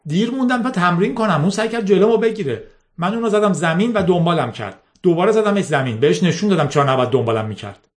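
Male reader doing a fierce teen girl, high and strained, audiobook. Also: very animated. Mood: tearful. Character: teenage girl gamer, fierce and upset. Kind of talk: audiobook reading.

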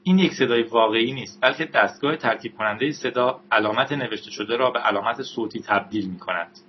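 A man's voice: medium pitch, muffled recording, a little hiss or hum, close to an everyday voice. A man doing a mischievous young hacker. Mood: playful. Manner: teasing, excited.

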